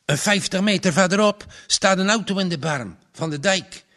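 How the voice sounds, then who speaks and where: A determined grown villager with a raised, pressing voice, as a male storyteller puts him on. He speaks with urgency, his tone gravelly and bright. This is a storybook figure read aloud. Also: high voice, normal speed, pitched above the performer's own voice. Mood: urgent. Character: determined grown man, a villager on night watch.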